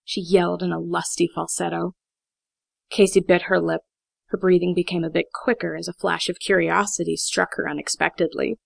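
Woman narrator with heavy vocal fry. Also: on the low side, level tone, a little fast, dry recording. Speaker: audiobook narrator. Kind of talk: scripted audiobook narration.

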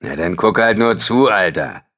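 A man voicing a heavyset, brutish teenage male bully who taunts loudly and sneeringly. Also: low-pitched, animated, moderate pace.

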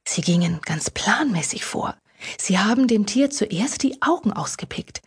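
A terrified lady of a country manor, pitched high and near tears, as a woman narrator puts her on. She pleads in a husky, strained voice, as if barely holding herself together. An audiobook figure. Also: lively intonation, unhurried, a little mellow. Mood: anguished. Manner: sobbing, pleading, high-strung.

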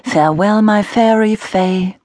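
A woman reads an excited little boy of four, pitched well above her own voice and squealing with glee. His high, eager shrieks carry a slightly husky edge, close and dry, as in a storybook reading. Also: moderate pace, no room sound, close to an everyday voice. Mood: singing.

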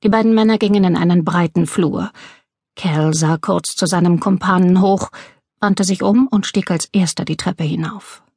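A woman reading a crime novel aloud in steady, measured audiobook narration. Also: lowish voice, breathy edge, no room sound, studio quality.

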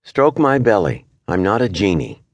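A man voicing a restless, teasing young wife in an audiobook, with his voice raised lighter and higher. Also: big pitch swings, normal speed, no room sound. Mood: irritated. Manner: playful, teasing. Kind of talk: audiobook character voice. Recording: dry studio recording.

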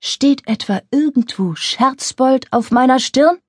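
A woman's voice: high-pitched, a little slow, a little mellow, dry recording, studio quality, pitched above the performer's own voice. A woman voicing a sour, scrawny balding man who grumbles and lectures sternly. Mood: grumpy. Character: grumpy, scrawny balding male office worker.

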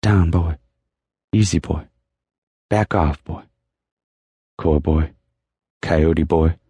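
A man voicing Charlie, a tense man whose pinched, tight voice rises as he coaxes someone to calm down. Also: extremely low pitch, very slow, breathy edge, dry recording, studio quality, heavily acted. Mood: coaxing.

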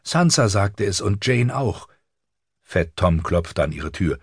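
Male audiobook narrator, very low husky voice, dry studio sound. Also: no echo. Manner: measured, even storytelling. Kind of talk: scripted narration. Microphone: studio microphone.

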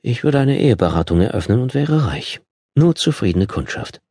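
A man reading an audiobook, voicing a loving, composed mother with a raised, softened voice. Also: medium pitch, sing-song, moderate pace, breathy edge, no room sound, clean studio sound, voice pushed up. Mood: trocken. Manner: erhobene, weich gespielte Frauenstimme. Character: Mutter von zwei Töchtern, Seelenwanderin, gefasst und liebevoll.

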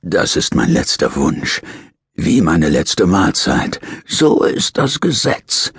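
A man putting on a dying old convict in an audiobook, his voice hoarse and rasping, husky and breathy. He drags his words out slowly, wheedling and cursing by turns, bitter and defiant to the end. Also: deep voice, big pitch swings, fairly bright tone, no echo, full character voice. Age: older.

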